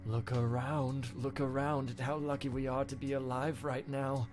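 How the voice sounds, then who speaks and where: A man performing a cartoon hedgehog antihero with a medium-pitched voice. He is dramatic and exasperated, reading out a script as comic theatre. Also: flat delivery, normal speed, music in the background, lightly acted. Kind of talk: comic live storybook-style reading in character.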